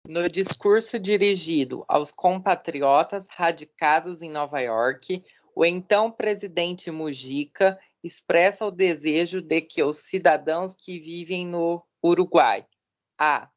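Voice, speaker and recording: A woman's voice: on the low side, measured pace. A woman student answering a question and reading an exam question aloud in class. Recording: dull lo-fi sound.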